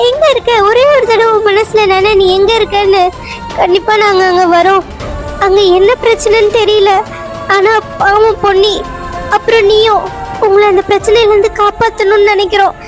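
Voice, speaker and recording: An earnest young cartoon heroine, played by a woman with a very high voice, pleading urgently again and again. Music runs clearly underneath. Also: fairly even intonation, normal speed. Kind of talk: cartoon serial voice acting.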